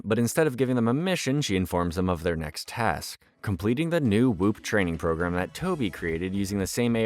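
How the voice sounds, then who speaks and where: A man delivering scripted narration as a recap storyteller, with the occasional wry aside. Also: on the low side. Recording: music bed behind voice.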